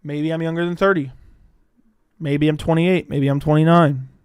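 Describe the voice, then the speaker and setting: Young male streamer, slightly high and very clean voice, casual, profane, rambling chat host. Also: steady tone, moderate pace, smooth. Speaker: livestream host.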